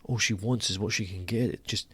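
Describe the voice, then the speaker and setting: A man's voice: lowish voice, steady tone, fairly quick, fairly bright tone, husky, no room sound. A man giving scornful, sarcastic commentary to his audience, stretching words for emphasis. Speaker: commentary channel host. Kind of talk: opinionated commentary.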